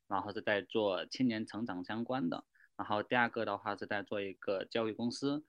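A man's voice: fairly low pitch, no echo. A man speaking as a podcast guest in a wordy way, full of fillers. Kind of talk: casual chat. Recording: dry, dull lo-fi remote mic.

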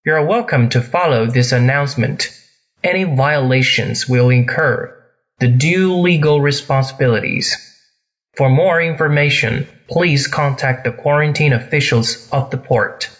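A man's voice: medium pitch, a little slow, a bit bright, highs cut off. A man making a formal in-flight announcement over the intercom, reading out items one by one. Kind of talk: in-flight public address announcement.

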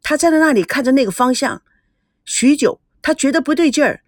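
A woman narrating an audiobook in an expressive storytelling manner. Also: sits high, a little fast, no echo, clean studio sound.

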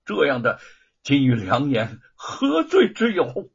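A man's voice: mid-range voice, wildly swooping pitch, slow, creaky, husky, heavily acted. A man voicing a defiant, wounded scholar in a told story, indignant and pleading. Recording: dull lo-fi recording.

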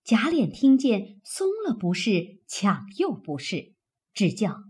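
A woman reads a classic novel aloud in an unhurried, slightly husky voice. Her pitch moves a lot as she voices the characters, often in a teasing tone. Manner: expressive, teasing in the maid's lines. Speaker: audiobook narrator.

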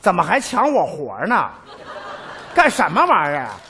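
An actor playing a blustering male caregiver in a comic sketch, loud and quick to argue. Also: high voice, huge pitch swings, a little hiss or hum, full character voice. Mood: boastful. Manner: loud, exclamatory, argumentative. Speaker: hired caregiver in a stage sketch.

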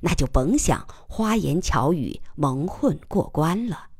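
Woman audiobook narrator; low, dry, deliberate. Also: animated, darkish tone, breathy edge, no echo. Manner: measured storytelling. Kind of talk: scripted novel narration.

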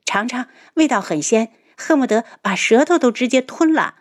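A woman's voice: medium pitch, lively intonation, normal speed, close to an everyday voice. A woman voicing an affectionate young wife in an audio novel, light and cheerful in tone.

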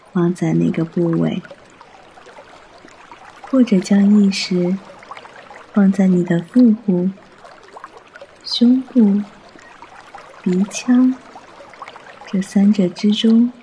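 Man, guided meditation, soft and soothing, high-pitched, mellow, trickling water in the background. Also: gravelly, slight background noise. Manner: soft, soothing, unhurried delivery.

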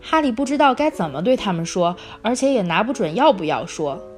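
A woman hosting a book club podcast, reading a novel aloud and then reflecting on it calmly. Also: mid-range voice, a little fast, faint music behind. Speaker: podcast host.

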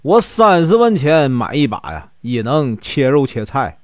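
A man's voice: medium pitch, very animated, unhurried, dry recording, studio quality. A man voicing a drunken, bullying street thug with a taunting, pushy way of talking.

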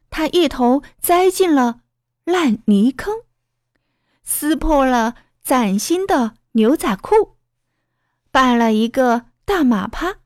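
Slow, lively woman reading a bedtime story. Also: sits high, no echo, clean studio sound. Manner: gentle, addressing a child as "baby".

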